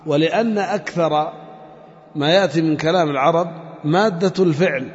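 A man giving a classroom grammar lesson, explaining patiently, repeating key terms and quizzing his students. His voice sits a little higher than most men's. The recording is muffled and the sound rings on in a large hall. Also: normal speed. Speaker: teacher. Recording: muffled audio with long hall reverb.

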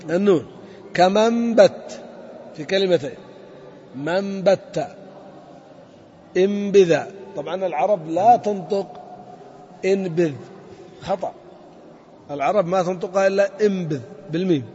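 High-voiced man teaching grammar in echoey hall. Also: darkish tone. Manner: explains step by step, quizzing students with short questions. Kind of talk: classroom lesson. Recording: echoey hall, dull lo-fi sound.

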